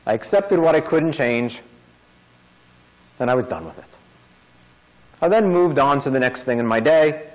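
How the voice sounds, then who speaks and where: A man's voice: mid-range voice, big pitch swings, unhurried, pauses often. A man giving an informal self-help talk as a podcast host. He mixes wry, jokey asides into his explanations. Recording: dull lo-fi recording.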